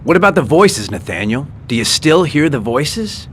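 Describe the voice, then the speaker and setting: A man's voice: a little high, very animated, normal speed, fairly bright tone, slight background noise. An actor playing a brutal male police detective who goads a suspect with sneering taunts. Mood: taunting. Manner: sneering, goading interrogation.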